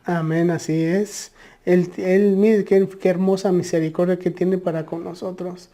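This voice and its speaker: Dark-voiced woman preaching earnestly. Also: fairly low pitch, little pitch movement, unhurried. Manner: earnest, many restarts and filler "eh". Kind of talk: conversational preaching.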